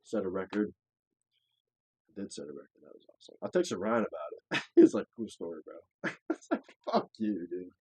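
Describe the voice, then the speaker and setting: Young male podcast host, husky and dry, tells stories loud and animated. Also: low-pitched, brisk, pauses often, no room sound, rough recording. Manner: animated storyteller, acts out quotes, swears, laughs often. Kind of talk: casual chat.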